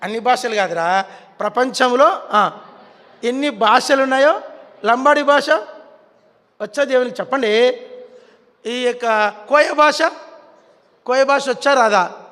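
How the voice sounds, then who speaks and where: A male preacher with a Telugu accent and a very high voice, leading a sermon and getting his listeners to call out words after him. His voice rings with the long reverb of a big hall. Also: unhurried, long pauses, a bit bright. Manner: coaxing the congregation to repeat words after him.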